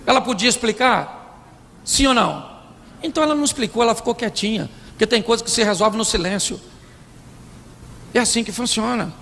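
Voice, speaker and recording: A Brazilian Portuguese-accented pastor delivers a comic, stand-up style sermon to a live audience in a church hall, acting out voices and playfully quizzing the crowd with "sim ou não." His male voice sits high and sounds gravelly and bright with a forceful tone. The recording carries live hall reverb, a faint audience, and a slight hiss or hum.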